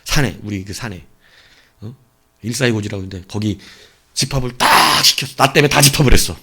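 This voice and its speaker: A man preaching an evening sermon as pastor, telling a personal story with sudden swings between loud and hushed delivery. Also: mid-range voice, brisk, vocal fry, slightly rough. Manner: acts out voices of people in his story.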